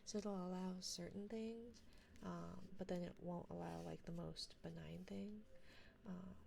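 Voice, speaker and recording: Slow, soft whispery woman in intimate pillow talk. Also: fairly low pitch, steady tone, creaky. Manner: soft-spoken, often dropping into whispers. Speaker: live stream host. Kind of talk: bedtime ASMR live stream, soft intimate pillow-talk chat with listeners. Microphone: close binaural microphone.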